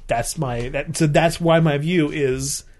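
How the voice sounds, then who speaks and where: A man's voice: on the high side, a little slow, darkish tone. A man co-hosting a show, giving his opinions in casual chat and repeating phrases for emphasis. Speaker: podcast co-host.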